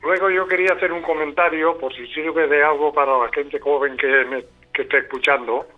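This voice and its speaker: A man in his seventies calling in to a radio show over the phone, speaking slowly in short broken phrases. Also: a little high, steady tone. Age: 70s. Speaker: caller. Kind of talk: call-in radio comment. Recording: tinny phone line with faint music.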